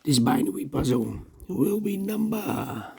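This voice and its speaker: Whispering hoarsely since their voice is gone, a puzzle instructor works through a solution, counting cells and repeating rule phrases aloud. The mid-range voice is sing-song, unhurried and a little mellow.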